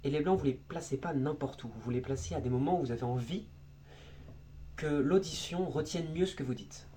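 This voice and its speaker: Mellow-voiced man giving casual speaking tips. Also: fairly high pitch, a little fast, a little hiss or hum. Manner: lively, demonstrates voices and tones as he explains; informal, occasional crude slang. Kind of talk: casual explainer video.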